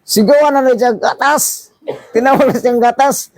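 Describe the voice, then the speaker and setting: A middle-aged man tells a story from his working life in a high voice, acting out the shouting parts. He often restarts his sentences as he goes. The recording is dry and close, with no room sound. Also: normal speed, dry recording. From Philippines. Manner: animated anecdote with acted-out shouts and frequent restarts. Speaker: seafarer vlogger. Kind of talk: casual storytelling.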